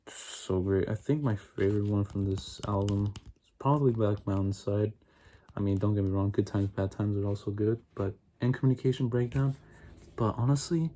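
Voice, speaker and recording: Young adult male for fast, aggressive ASMR ramble: dark, soft-edged voice, enthusiastic wandering delivery, faint noise and tapping. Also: lowish voice. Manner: casual, rambling, repetitive enthusiasm with frequent "like" and "honestly". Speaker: ASMR video creator. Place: small bedroom, indoors. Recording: noisy room, clicking and tapping. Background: tapping and clicking on CD cases.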